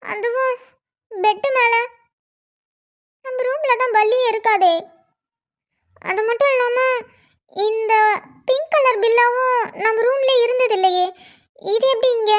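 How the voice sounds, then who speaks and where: A woman's voice: very high voice, a little slow, pauses often, dull audio. A woman voicing a fretful young woman who talks to herself in a cartoon.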